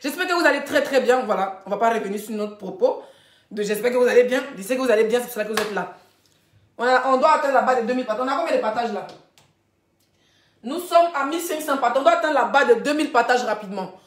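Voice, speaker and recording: A woman hosting a ranting gossip live stream, animated, laughing often and addressing her viewers directly. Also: a little high, fast. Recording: roomy echoey room.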